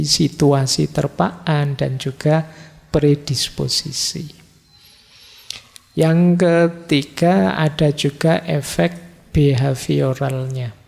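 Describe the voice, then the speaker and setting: A man's voice: on the high side, creaky, a little mellow. A middle-aged man giving a casual philosophy lecture in a mosque hall, talking conversationally with teasing everyday examples and rhetorical questions. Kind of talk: casual Javanese-tinged lecture. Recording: long reverb of a large hall.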